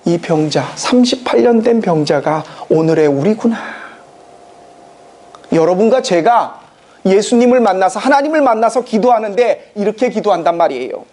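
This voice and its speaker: A pastor delivering a sermon in a measured, deliberate way. Phrases come in short, weighty pieces, with pauses left to sink in, and questions are posed to the listeners. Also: medium pitch, lively intonation, darkish tone. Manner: slow, emphatic delivery with dramatic pauses; asks the congregation rhetorical questions.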